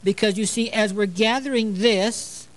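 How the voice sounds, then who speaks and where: A somewhat bright, high-sitting voice with a steady tone and normal speed belongs to an older Illinois man hosting a televised sewing demonstration in a studio. He chats playfully, leaning on "you know" and side jokes, and the recording is rough.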